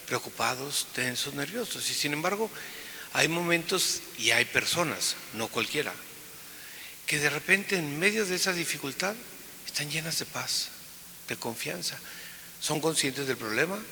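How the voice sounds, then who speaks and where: A male priest speaks solemnly at Mass in a very sharp, projecting voice. His words ring through a cathedral-like echo, with a clear hiss behind them. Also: a little high. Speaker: priest celebrating Mass, preaching. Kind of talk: liturgical Gospel reading and homily. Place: large reverberant church. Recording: echoey cathedral-like reverb, hissy background noise.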